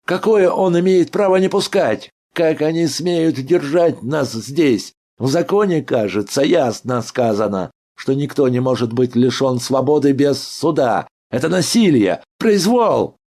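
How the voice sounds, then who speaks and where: A man voicing an enraged male asylum inmate who shouts in a hoarse, desperate voice. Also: sits low, lively intonation, very slow, few pauses, exaggerated voice. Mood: outraged shouting. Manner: shouting, furious outbursts.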